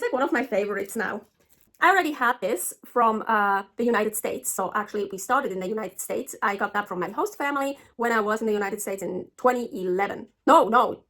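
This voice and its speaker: A woman's voice: a little high, a bit bright. A middle-aged woman from Switzerland talking casually to the camera in a travel vlog, chatty and frank, swearing freely. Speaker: travel vlogger.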